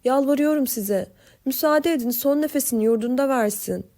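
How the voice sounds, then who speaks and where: A desperate young woman speaks in a storybook reading, her voice lifted above the narration and pressing with urgency. She begs and coaxes, warm and soft-edged, as a woman reader acts her out. Her tone stays earnest throughout. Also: sits high, normal speed, voice pushed up, close to an everyday voice. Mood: pleading. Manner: pleading, urgent. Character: desperate young woman pleading, then coaxing.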